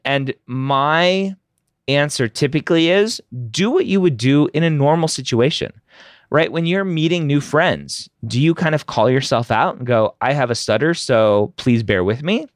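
This is a podcast host from the United States, a middle-aged man, fielding listener questions in a relaxed advice format. He speaks at a medium pitch on a dry, clean studio recording. Frank and opinionated, he keeps punctuating his points with "right?".

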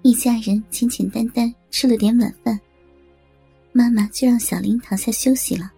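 A woman's voice: a little high, steady tone, moderate pace, creaky, dark tone, breathy edge, no room sound. Woman narrating a story over faint music.

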